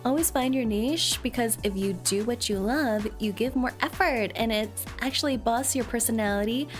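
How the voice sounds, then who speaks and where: A woman's voice: on the high side, moderate pace, faint music behind. A woman chatting casually on a livestream to her viewers, with a playful, cute anime-streamer delivery. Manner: playful, giggly. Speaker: VTuber streamer.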